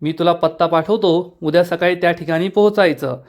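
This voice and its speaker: A man's voice: fairly high pitch, fairly quick, natural voice. Man voicing a stern boss, firm, businesslike. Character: stern middle-aged boss, warning.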